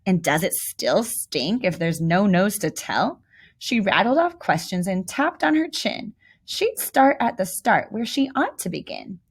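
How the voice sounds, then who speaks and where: Reading a picture book aloud to children, this woman has a very animated mid-range voice with a breathy edge and a slightly slow pace. She tells the story with theatrical emphasis and slips in small asides to her young audience.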